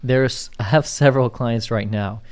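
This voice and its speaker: A man's voice: mid-range voice, normal speed. A young man co-hosting a casual podcast, talking loosely, reading out viewer questions and often asking "you get what I'm saying". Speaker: podcast co-host.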